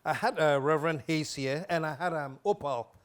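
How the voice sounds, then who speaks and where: Casting: talk show host, man, slightly high voice, reactive and exclaiming. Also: moderate pace. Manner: reactive, exclaiming, frequent affirmations. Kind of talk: casual interview.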